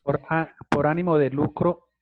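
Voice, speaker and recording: A man's voice: a little high, fairly even intonation, normal speed. Man in class, tentative answers, phone-thin sound, light hiss. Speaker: class participant. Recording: tinny call line with faint hiss.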